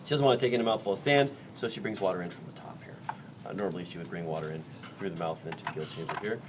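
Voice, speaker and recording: A man with a low voice teaches a biology class through a dissection at a very fast clip, joking, chatting and quizzing his students. He's picked up by a distant mic in a noisy classroom.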